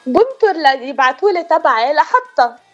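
A chatty woman with a Lebanese accent and a fairly high voice, talking casually as a radio guest and mixing in English phrases. The sound is dull and lo-fi, with faint music underneath. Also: very animated, normal speed. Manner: chatty, mixes in English words. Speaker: actress, interview guest. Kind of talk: casual radio interview chat.

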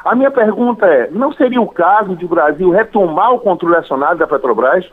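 A Brazilian man calling into a radio show over the phone, speaking in a formal, measured way and listing points one by one. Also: high voice, lively intonation. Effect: phone-line call into a radio show. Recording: tinny phone line.

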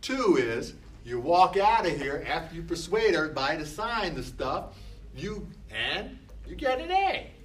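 A man teaching a class, slow and emphatic, often talking back to himself in quoted dialogue. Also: fairly high pitch, sing-song, fairly bright tone. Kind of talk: classroom talk. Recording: noisy room, voice from a distance.

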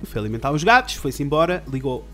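A man's voice: mid-range voice, sing-song, fast talker, soft background music. A man with a European Portuguese accent, telling a story in casual chat and acting out the voices of the people in it. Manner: acts out quoted voices, breaks into shouts and laughs.

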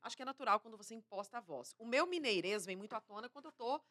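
Quick bright-voiced mineira woman. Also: a little high. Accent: mineiro Brazilian Portuguese. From Minas Gerais, Brazil. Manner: lively, chatty, fond of slang. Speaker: journalist guest. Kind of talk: casual talk-show interview.

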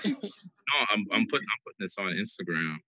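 A young man with a low but bright voice talks casually among friends on a podcast. He rambles, restarts his sentences and breaks into imitations. The recording is dry. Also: animated, a little fast, no echo, poor audio. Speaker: podcast co-host. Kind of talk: casual chat.

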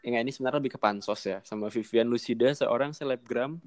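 A man's voice: mid-range voice, quick pace. A young man from Medan with an Indonesian accent, hosting a podcast in a casual chatty style over an online call. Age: young adult. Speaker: podcast host. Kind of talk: casual chat.

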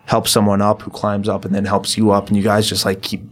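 Laid-back low-voiced podcast host. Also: male voice, completely flat delivery, a little fast. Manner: laid-back, heavy use of "like". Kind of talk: casual chat.

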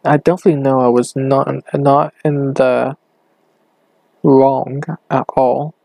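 A young man rambling hesitantly on his own podcast, talking low in his bedroom with a hand cupped over the mic. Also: flat delivery, slow, creaky, darkish tone, no room sound. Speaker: podcast host. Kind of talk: casual solo podcast. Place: bedroom at home.

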